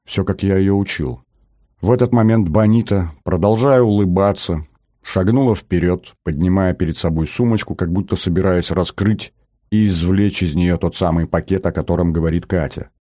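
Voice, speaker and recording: A man narrating an audiobook in the first person, steady and measured, on a close mic. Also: deep voice, dry recording.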